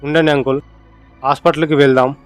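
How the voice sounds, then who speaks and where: A man's voice: on the high side, level tone, fast, no echo, soft background music, lightly acted. A man voicing a helpful, reassuring young friend of the family in a storybook reading.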